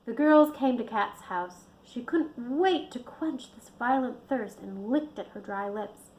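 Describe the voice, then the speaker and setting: A woman reading her own book aloud in a steady storytelling manner. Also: fairly high pitch, a little slow, slight background noise, low-quality recording. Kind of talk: audiobook narration.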